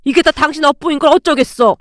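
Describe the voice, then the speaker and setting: A stern older father-in-law rebukes his family in a lowered, blunt voice, as a woman narrator puts him on. The sound is dry and close. He never softens his reproach. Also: fast, dry recording, close to an everyday voice. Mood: reproachful. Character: gruff older man, scolding father-in-law.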